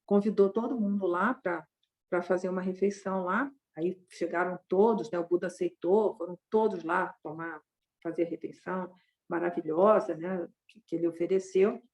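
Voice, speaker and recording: A woman with a steady, fairly low, darkish voice gives a Buddhist dharma talk at normal speed. She retells a parable conversationally, ending many of her sentences with tag questions.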